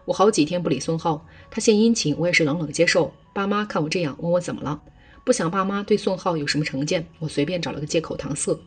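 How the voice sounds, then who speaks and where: Breathy woman narrating a family drama. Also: fairly low pitch, fast talker. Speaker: storyteller. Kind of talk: first-person story narration.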